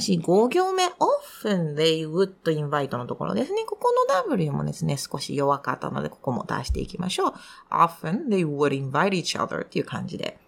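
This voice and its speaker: A young adult woman talks a student through pronunciation corrections in a polite, patient, explanatory way. Her pitch swoops widely and sits fairly low, with a gravelly fry at phrase ends. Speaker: English pronunciation tutor. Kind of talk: recorded feedback on a student's reading.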